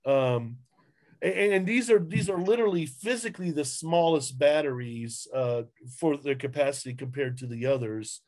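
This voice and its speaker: Talking through webinar slides on a video call, this man has a mid-range, darkish voice with lively intonation. The webcam mic captures a halting delivery packed with fillers and restarts.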